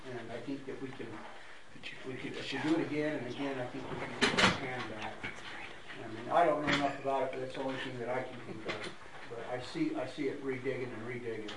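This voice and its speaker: A man giving an informal, rambling report at a meeting, with frequent restarts and fillers. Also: mid-range voice. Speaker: staff member reporting at a meeting. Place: meeting room. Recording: echoey room, distant mic, background noise.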